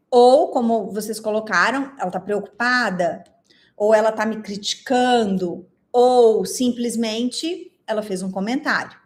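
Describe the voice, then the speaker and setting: A woman with a Brazilian Portuguese accent teaching an online class, expressive and asking her audience lots of questions while reading their chat replies. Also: fairly high pitch. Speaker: instructor.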